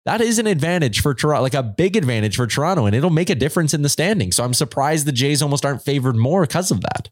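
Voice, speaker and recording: Dude explaining his sports take, steady, dry close sound. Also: a little high, fast talker, few pauses, no echo. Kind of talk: casual sports chat.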